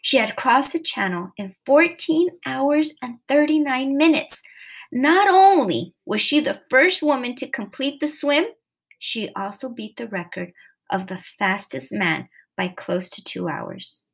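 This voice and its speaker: A woman's voice: high voice, animated, measured pace, creaky. A woman narrating a nonfiction story aloud, reading steadily with the odd slip and self-correction. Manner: reads steadily with occasional slips and self-corrections.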